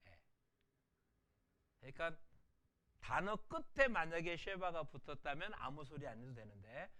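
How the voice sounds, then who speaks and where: In a recorded online lecture, a middle-aged man teaches Hebrew in a slightly high, sharp-toned voice whose pitch swings widely as he explains. He asks rhetorical questions, answers them himself, and slowly repeats sample words.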